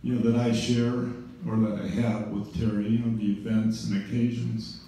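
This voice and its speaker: A man's voice: lowish voice, little pitch movement, normal speed, dark tone. Rambling middle-aged man in an echoey hall. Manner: rambling, full of "you know", wry jokes. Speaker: eulogy speaker. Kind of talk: informal memorial speech. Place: large event room. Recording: very echoey room, distant mic.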